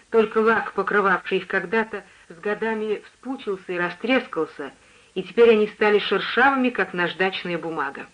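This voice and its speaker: Man reading a story over dull radio. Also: high-pitched. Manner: measured, descriptive reading. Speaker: reader. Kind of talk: scripted audiobook narration.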